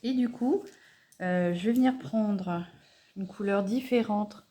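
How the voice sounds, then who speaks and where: A beauty vlogger walks through her makeup in a relaxed, unpretentious chat, describing each step. Her warm, medium-pitched voice is slow, and her delivery is hesitant and stop-and-start, full of stammers and self-corrections.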